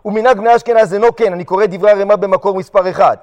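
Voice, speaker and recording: A man teaching a halakha lesson to yeshiva students, animated, often questioning the class and acting out short quotes. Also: high-pitched, long reverb tail.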